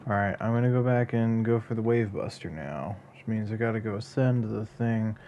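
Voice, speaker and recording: A man's voice: lowish voice, moderate pace, lo-fi sound, a little hiss or hum. A man giving casual, chatty commentary as he streams a video game, muttering at it when it goes wrong.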